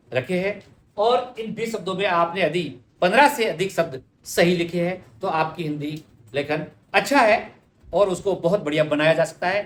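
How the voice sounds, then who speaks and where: A man's voice: high-pitched, reverberant. A man teaching correct Hindi spelling, explaining each word patiently and speaking directly to his students.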